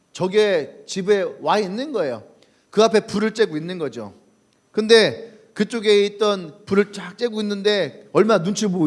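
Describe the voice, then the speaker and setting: Male pastor, young adult, high lively voice, animated storyteller preaching in a church. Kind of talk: sermon. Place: church sanctuary.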